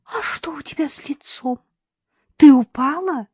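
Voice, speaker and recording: A woman's voice: sits high, measured pace, a little mellow, no echo, studio quality, voice pushed up. A woman voicing a scheming middle-aged mother-in-law who coos in a sugary, cloying way, in an audiobook. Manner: cloying, lisping-sweet cooing.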